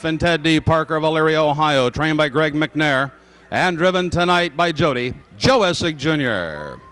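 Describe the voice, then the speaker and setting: A man's voice: on the high side, a bit bright, clean tone. A man announcing at a horse racetrack in a formal, projecting way, reading results and payouts over the public-address microphone.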